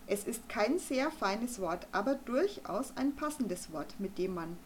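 A woman voicing a stern, pompous male doctor who lectures gruffly in an audiobook reading. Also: medium pitch, animated, measured pace, a little hiss or hum, close to an everyday voice. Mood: confiding. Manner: gruff, lecturing, then conspiratorial.

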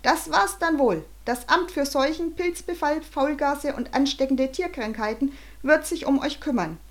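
A woman voicing a smug, strict male school director who gloats through a megaphone in a raised, loud voice. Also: high voice, a little slow, voice pushed up. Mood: gloating.

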